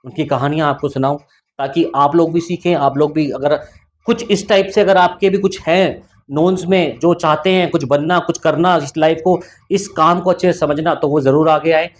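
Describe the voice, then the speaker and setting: A man's voice: fairly high pitch, darkish tone. A man hosting a podcast, talking in an encouraging, somewhat preachy motivational way. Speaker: podcast host. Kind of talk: motivational interview talk.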